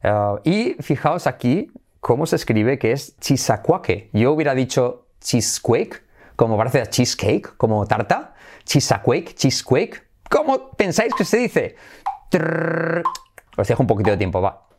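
A man's voice: mid-range voice, very animated, normal speed, darkish tone. A man from Spain with a Spanish accent giving a bilingual pronunciation lesson, playful and repeating words with exaggerated emphasis. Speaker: English pronunciation teacher.

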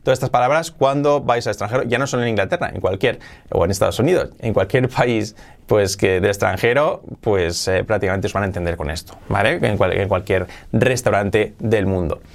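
A man's voice: lowish voice, fairly quick. A man with a Spain Spanish accent giving a casual English lesson, repeating each word and switching between Spanish and English. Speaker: English teacher.

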